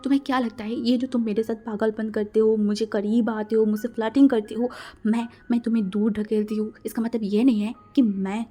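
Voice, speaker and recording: A woman's voice: a little high, flat delivery, a little fast, close to an everyday voice. A woman doing a jealous, hot-tempered young man. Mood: furious. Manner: loud angry threats.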